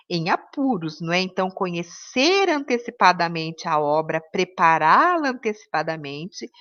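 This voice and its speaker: A woman's voice: on the low side, fairly bright tone, lo-fi sound. A woman teaching an online course on reading to children, explaining step by step and often adding tag questions.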